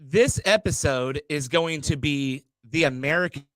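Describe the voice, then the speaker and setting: A man in a podcast studio runs through sponsors and welcomes his guest with a lot of energy, stumbling over his words now and then. His somewhat high voice sounds dry and close, with almost no room echo. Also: measured pace, a bit bright. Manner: hype-driven, repeats words, stumbles on them. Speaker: podcast host. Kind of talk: podcast hosting, reading sponsor mentions.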